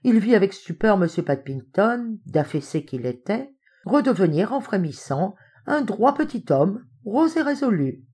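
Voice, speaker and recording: A woman narrating an audiobook in a measured, literary storytelling manner. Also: medium pitch, very animated, dark tone, husky. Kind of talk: scripted narration.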